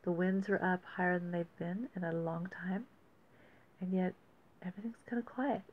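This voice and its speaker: A woman giving casual, unscripted commentary as host of an amateur weather report, speaking haltingly and thinking aloud with pauses. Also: fairly low pitch, fairly even intonation. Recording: dull lo-fi audio with faint noise.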